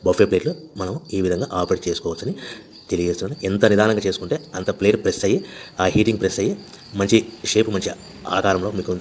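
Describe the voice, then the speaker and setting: A man with a Rayalaseema Telugu accent walks through a machine demo, talking fast and slightly low, with faint workshop noise behind him. He repeats set phrases again and again like a practised seller. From Andhra Pradesh, India. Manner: repetitive, formulaic announcing. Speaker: machine seller demonstrating equipment. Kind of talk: product demonstration.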